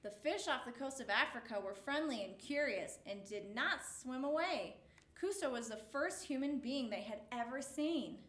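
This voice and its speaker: In an echoing, roomy space, a woman reads a children's story out loud from a picture book. Her voice is high, and she shapes each phrase slowly and expressively for an audience of children.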